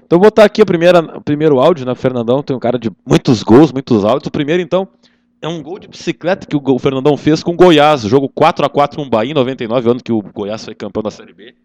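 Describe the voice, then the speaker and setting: A man's voice: medium pitch, very fast, darkish tone, no echo. A man hosting a casual football chat, conversational and often adding tag questions. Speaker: football show host.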